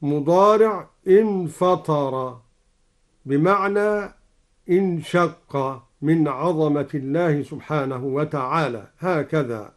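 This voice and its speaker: Egyptian sheikh on radio, slowish, kinda high voice, explains then chants the verse. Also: male voice. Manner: measured, alternates explanation with melodic chanting. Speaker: Quran recitation scholar. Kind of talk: explaining recitation variants with chanted examples. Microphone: broadcast studio microphone.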